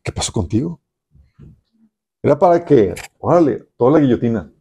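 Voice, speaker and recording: Guy preaching to the youth group, lively, warm mellow voice, keeps asking questions. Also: medium pitch, normal speed, gravelly, breathy edge, muffled recording. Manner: animated, addresses listeners directly with rhetorical questions. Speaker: youth pastor. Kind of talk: sermon.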